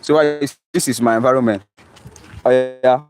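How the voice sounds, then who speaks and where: Faint music plays behind a young man speaking Nigerian English as he livestreams casually from his phone near his home outdoors, camera flipped to show the area. In a medium-pitched voice with fairly even intonation and a moderate pace, he reads comments aloud, answers them and often asks "you understand?".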